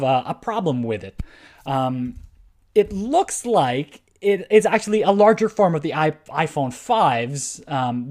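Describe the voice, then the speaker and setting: A tech podcast host giving casual solo news commentary, rambling and self-correcting with lots of fillers, laid-back and chuckling at their own tangents. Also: mid-range voice.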